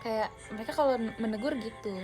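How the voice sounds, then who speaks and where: A woman's voice: a little high, fast, music in the background. Young woman chatting on a live stream. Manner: chatty and loose, full of fillers, addressing viewers directly. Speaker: idol group member hosting a live stream. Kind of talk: casual live-stream chat to viewers.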